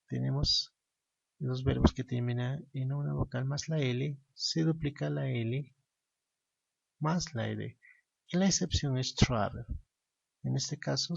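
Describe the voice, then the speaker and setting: A man with a gravelly, husky voice explains grammar rules one step at a time. He asks his class a question, then answers it himself, and he stresses each rule again. The recording is dull, lo-fi and dry. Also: medium pitch, fairly even intonation, unhurried, no room sound. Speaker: English teacher.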